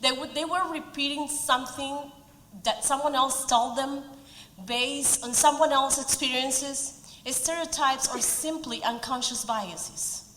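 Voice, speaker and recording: A high-pitched, sharp-toned Peruvian woman speaks at a measured pace in an echoing event hall, with roomy reverb and slight background noise. A native Spanish speaker with a Peruvian Spanish accent, she is giving a prepared speech at a community event.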